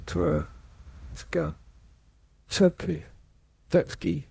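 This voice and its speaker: A woman's voice: low voice, steady tone, drawn-out words, vocal fry, mellow, a little hiss or hum. A text-to-speech woman's voice that glitches, stuttering and repeating stray syllables, with uneven auto gain that makes its level dip as if it turned away from the mic. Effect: uneven auto gain, level dips as if turning from the mic.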